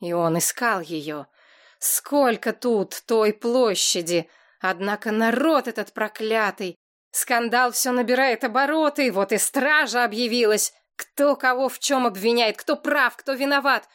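A woman narrating a fantasy novel in a steady, lively storytelling voice. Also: a little high, measured pace. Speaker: audiobook narrator.

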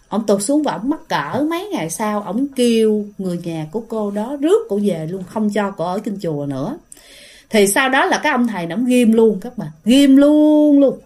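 A woman's voice: on the high side, a little mellow. A woman with a Southern Vietnamese accent telling a ghost story in a chatty, casual way, often speaking to her listeners directly.

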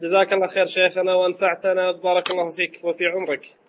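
Man in his own voice calling in with questions, high and fast-talking, over dull lo-fi stream audio. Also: completely flat delivery, a little hiss or hum. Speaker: caller asking questions. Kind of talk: online question to a sheikh.

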